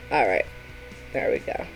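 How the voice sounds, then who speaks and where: A woman hosting a reaction video, chatting casually and giving her opinions with many fillers. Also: rough recording.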